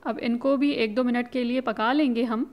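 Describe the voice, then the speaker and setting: In a relaxed, chatty voice-over, a woman guides viewers through a home recipe, often slipping in English words. Her voice is a little on the high side and her pace moderate, like a laid-back host of her own cooking channel.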